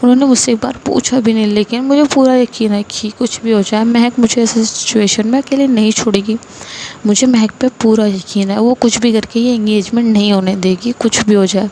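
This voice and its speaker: A woman's voice: on the high side, steady tone, warm tone, slight background noise, natural voice, poor audio. A woman voicing a hurt young woman, tearful and pleading with her mother against a forced engagement. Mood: hopeful. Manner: pleading, wounded.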